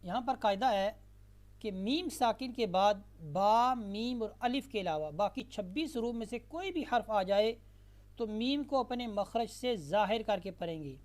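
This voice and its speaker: A woman with a high, light voice teaches a Quran recitation lesson at an unhurried pace. She draws out the chanted verses slowly and melodically. Between them she explains the rules patiently and repeats words so the listener can follow. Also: animated, a little mellow. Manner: alternates slow, drawn-out chanted recitation with brisk spoken explanation. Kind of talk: tajweed lesson.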